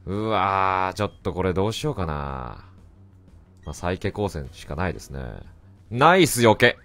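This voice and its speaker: A man giving casual, excitable commentary over his own gameplay and often shouting back at the game. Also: fairly low pitch, no echo. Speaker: let's play commentator. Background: faint game music.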